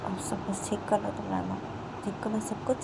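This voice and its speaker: Woman doing an anxious young lover, fussing and repeating her pleas, gravelly low voice, traffic noise behind. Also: little pitch movement, normal speed. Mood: pleading.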